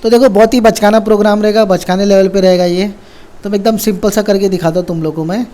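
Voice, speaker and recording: A man's voice: high voice, fairly even intonation, fast talker, warm tone. A man teaching a casual coding lesson, who keeps asking and answering his own questions and repeats the key words. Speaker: programming tutor.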